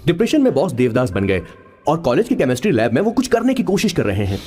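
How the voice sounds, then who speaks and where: A talkative sidekick who narrates and trips over names. His voice sits a little high and bounces around, with faint music behind it. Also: wildly swooping pitch, quick pace. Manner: chatty, fumbling. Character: chatty young male sidekick narrator. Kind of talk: dubbed film narration.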